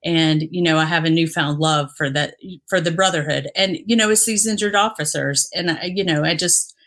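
A woman's voice: low-pitched, normal speed, fairly bright tone. A woman who grew up in the Dominican Republic, speaking as an interview guest about her past career as a police officer, earnest and reflective, with lots of fillers and restarts. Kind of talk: candid conversational interview.

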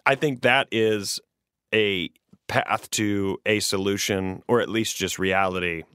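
A man's voice: on the low side, steady tone, slow pace, pushed and bright, clear, resonant tone, no echo. Earnest man in his thirties, dry studio sound. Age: 30s. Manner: earnest, rambling with restarts. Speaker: podcast co-host giving advice. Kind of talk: casual advice chat.

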